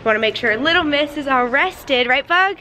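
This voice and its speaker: Young mother, family vlog, high-pitched, animated and encouraging; faint background noise. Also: moderate pace. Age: young adult. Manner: upbeat, coaxing a toddler. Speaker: vlogger mom. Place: resort pool and hotel hallway.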